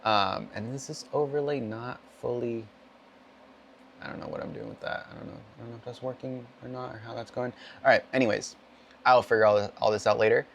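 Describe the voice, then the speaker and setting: Man, gravelly, hoarse and coughing, rambling casual streamer chat, self-deprecating, home gaming setup. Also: medium pitch, a little fast, slight background noise. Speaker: sim racing streamer.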